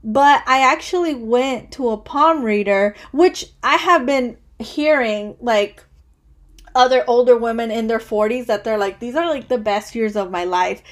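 A woman in her early thirties hosts a relaxed podcast conversation. Her voice sits quite high, and she rambles, restarts and leans on "like" constantly. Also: a little slow. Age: 30s. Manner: chatty, rambling, says "like" constantly. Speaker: podcast host. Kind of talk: casual interview chat.

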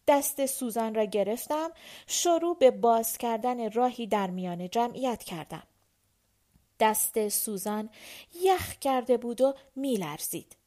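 A woman narrating an audiobook in a measured, even storytelling manner. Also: a little high. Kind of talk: scripted narration.

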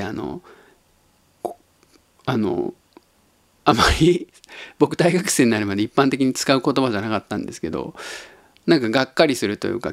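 A man's voice: mid-range voice, gravelly, no echo. A man from Tottori hosting a casual solo podcast, musing in an easygoing way and chuckling often. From Tottori, Japan. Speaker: podcast host.

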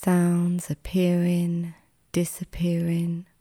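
Soothing and gentle like a sleep story narrator, this woman guides a relaxation meditation in a completely flat delivery. Her voice is lowish and soft, occasionally breathy, and she leaves long pauses.

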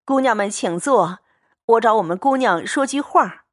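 A woman's voice: a little high, animated, moderate pace, dry recording, clean studio sound, close to an everyday voice. Woman doing a wheedling pushy sister-in-law. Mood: coaxing. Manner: coaxing, wheedling.

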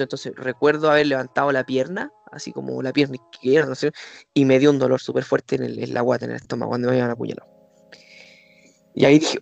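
A young man with a Chilean accent, telling a personal story in a slangy, animated way and putting on the voices of the people in it. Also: medium pitch, gravelly, dry recording, lo-fi sound. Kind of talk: casual storytelling.

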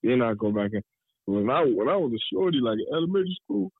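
A man's voice: mid-range voice, sing-song, fast, breathy edge, no room sound. A man reminiscing casually in slangy, profane talk, often repeating his phrases. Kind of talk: casual chat, reminiscing about music. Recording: thin phone-like band, dry.

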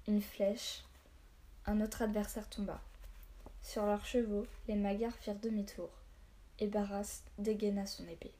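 Mellow-voiced woman reading a novel aloud. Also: mid-range voice. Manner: steady storytelling with small slips and rereads. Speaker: narrator.

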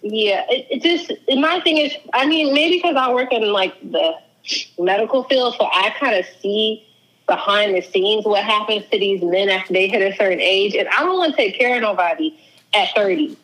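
A woman in her twenties co-hosting a podcast, frank and expressive in casual chat, often laughing. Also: medium pitch, normal speed, rough recording. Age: 20s.

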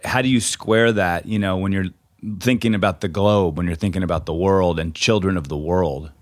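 Very deep-voiced man asking rambling questions. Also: fairly even intonation, normal speed, no room sound, studio quality. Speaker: podcast co-host. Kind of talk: podcast conversation.

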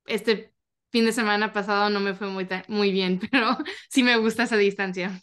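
A woman's voice: medium pitch, fairly even intonation, moderate pace, fairly bright tone, smooth. A woman podcast guest chatting casually in non-fluent, with an occasional English word slipped in. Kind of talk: casual chat.

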